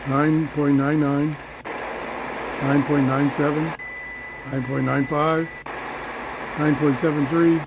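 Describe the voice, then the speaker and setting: A man hosts a casual hands-on demonstration in a room at home. He talks slowly and haltingly, thinking aloud in a slightly high voice, with light radio hiss and noise around him. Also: little pitch movement. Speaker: host of a radio review channel. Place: small indoor garden room at home. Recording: clear background noise, radio static.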